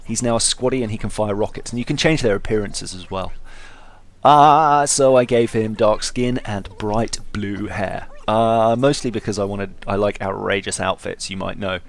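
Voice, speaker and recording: A man's voice: fairly low pitch, moderate pace, vocal fry. A hungover man giving casual video game commentary, informal and stumbling over his words as he corrects himself. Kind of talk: casual let's-play commentary.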